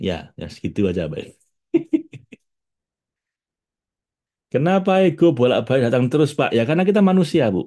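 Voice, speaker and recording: A man's voice: medium pitch, wildly swooping pitch, moderate pace, pauses often, mellow. A man, giving a casual spiritual talk as a religious teacher, chatty and addressing his audience directly with frequent laughs.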